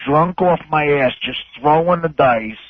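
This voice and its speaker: A man tells a rambling story in casual radio chat. He stumbles and restarts his sentences in a somewhat high voice. The sound is dull and dry, like a radio studio feed. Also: measured pace, dry recording. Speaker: comedian, show regular.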